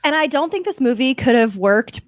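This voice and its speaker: Guest, woman, higher voice, dry close mic, lively and opinionated. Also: dry recording. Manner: animated, opinionated, quick to act out quotes. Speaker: podcast guest. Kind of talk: casual chat.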